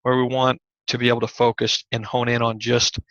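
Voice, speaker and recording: A man teaching a recorded online class, slightly hoarse and scratchy, talking in a conversational way with many fillers and restarts. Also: medium pitch, monotone, fairly quick, a bit bright, no room sound, muffled recording. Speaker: college instructor.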